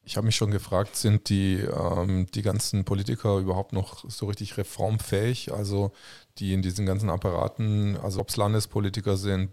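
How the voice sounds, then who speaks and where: Gravelly, low-voiced male interviewer. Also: a little mellow. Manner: casual, probing questions. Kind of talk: casual interview.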